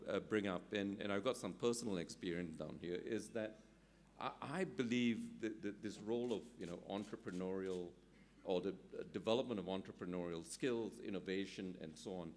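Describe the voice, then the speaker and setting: A middle-aged man on a conference panel, his voice sitting a little low. He works through his points out loud, padding them with ums and "you know", and tags many statements with a quick "right?". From Singapore. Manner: hesitant, thinks aloud, many fillers, often ends with "right?". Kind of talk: panel discussion at an economic summit.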